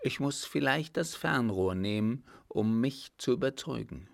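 A man reading aloud and voicing a calm, watchful gentleman posing as a doctor, with measured, composed questions. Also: mid-range voice, creaky.

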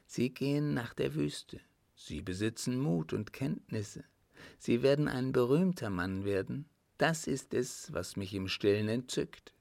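A man's voice: lively intonation, creaky, no room sound, clean studio sound. A man voicing a wistful older countess. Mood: confiding. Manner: raised pitch, softly confiding, measured. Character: wistful older widowed countess, rich and resolute. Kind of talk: audiobook reading.

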